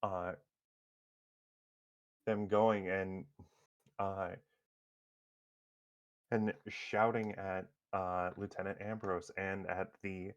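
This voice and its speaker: A man narrating a tabletop superhero game as game master, halting with many fillers and restarts. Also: low voice, flat delivery, lo-fi sound.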